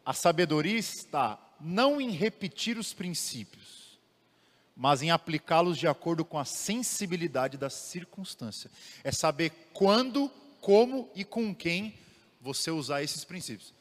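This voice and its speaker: Brazilian man, young adult, Bible teacher, lively questioning style, fairly high voice, long hall reverb. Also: unhurried. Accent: Brazilian Portuguese. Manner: animated, asks the audience rhetorical questions. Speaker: theology teacher. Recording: long reverb of a large room.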